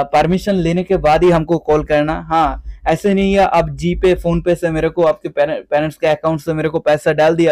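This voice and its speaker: A chatty guppy breeder and seller from West Bengal, India, shows off his fish in a casual vlog walkthrough, speaking Hindi mixed with English words and saying "theek hai" again and again. His voice is a little high and slightly mellow, recorded with no echo.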